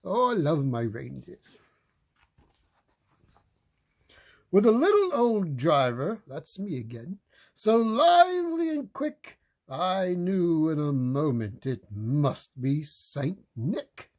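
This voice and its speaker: A man's voice: a little high, very animated, darkish tone, exaggerated voice. A man playing a kindly, playful old Santa Claus, reading a storybook aloud in a jolly, theatrical way with chatty asides. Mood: jolly, nostalgic. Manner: jolly, chuckling, theatrical, unhurried.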